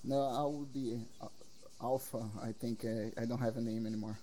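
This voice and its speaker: A man's voice: medium pitch, fairly even intonation, normal speed, mellow, a little hiss or hum. A man doing military radio procedure and some casual talk as a trainee in a game. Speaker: trainee acting as radio net lead.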